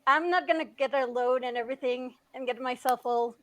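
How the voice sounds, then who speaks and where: A young woman in her late twenties with a high, light voice talks through her story in a relaxed podcast interview. She is chatty and giggles often. She circles back with little restarts and fillers. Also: a little fast, poor audio. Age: 20s. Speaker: guest filmmaker.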